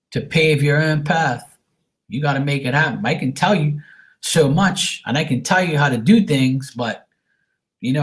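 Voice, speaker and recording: Man, mid-pitched voice, informal livestream host, chatty, encouraging, speaks directly to viewers. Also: a bit bright. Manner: informal, encouraging advice, addresses viewers by name. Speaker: psychic reader and livestream host. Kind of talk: casual livestream chat with viewers.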